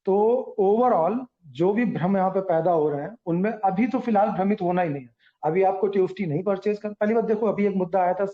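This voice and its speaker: High-voiced man with a dull recording. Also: fairly quick. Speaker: speaker addressing a community meeting. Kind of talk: explanatory speech at a meeting.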